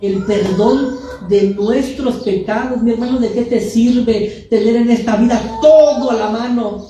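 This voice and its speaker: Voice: mid-range voice, dark tone, slight background noise. Emphatic preacher in an echoey hall. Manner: emphatic, repeats key phrases, rhetorical questions to the congregation. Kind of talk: sermon. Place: church sanctuary. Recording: echoey church hall, mic at a distance.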